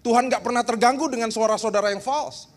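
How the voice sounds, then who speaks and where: Speaking fast in a very high voice, a pastor from Indonesia delivers a humorous church seminar sermon in a church hall. He's animated and teases the congregation as he goes.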